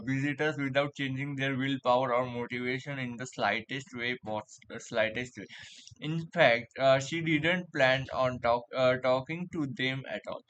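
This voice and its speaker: A man reading aloud haltingly with a pen held in his mouth, so his words are muffled and he often stumbles and repeats them. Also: medium pitch, a bit bright. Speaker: vlogger reading a book aloud for vocal practice.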